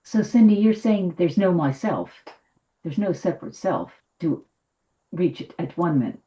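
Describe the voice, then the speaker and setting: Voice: medium pitch, animated, a little slow, mellow, rough recording. Questioning discussion group participant. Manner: questioning, affirming.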